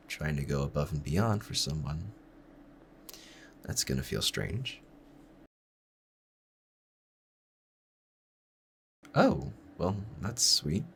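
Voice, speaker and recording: A man performs a lovestruck assassin with a very deep voice. He speaks formally and gently to the listener, courteous yet quietly dangerous, in an intimate audio roleplay. A faint ambient noise sits behind him. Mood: flattered, giddy.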